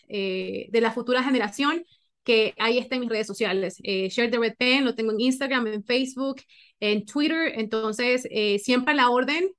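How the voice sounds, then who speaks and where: A woman from Ecuador with an Ecuadorian Spanish accent, a guest in an interview, talking warmly with many "eh" fillers. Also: on the high side. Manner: warm, heavy filler "eh". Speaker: interview guest, army officer. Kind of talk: casual interview chat.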